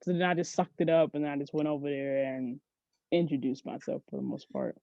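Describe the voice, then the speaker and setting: This podcast guest, CEO of a sports agency, tells stories with frequent laughter in a relaxed interview chat. Her low, warm voice holds steady and runs a little fast, captured lo-fi without room sound.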